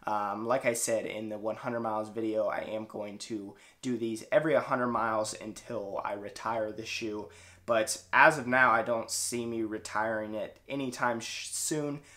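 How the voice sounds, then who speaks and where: A man's voice: on the low side, fairly even intonation, moderate pace, sharp tone. Young man, casual vlog review. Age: young adult. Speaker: running vlogger. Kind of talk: casual product review to camera. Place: indoors in a small home room.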